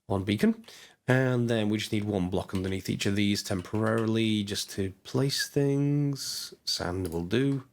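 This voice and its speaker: Hoarse, low-voiced man narrating gameplay. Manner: chatty, thinks aloud with many fillers. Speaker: gaming channel host. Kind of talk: casual let's-play commentary.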